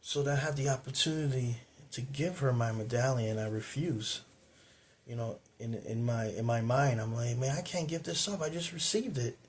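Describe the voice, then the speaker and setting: A man's voice: medium pitch, moderate pace, a little hiss or hum. A man hosting his own cultural video channel, telling a personal story in a casual, rambling way, with many repeats and restarts, recorded indoors facing the camera.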